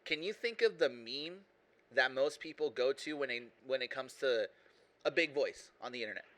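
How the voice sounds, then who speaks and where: A man's voice: mid-range voice, expressive, normal speed, a bit bright, poor audio. A man hosting a casual podcast chat, talking emphatically and pressing his points. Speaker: podcast host.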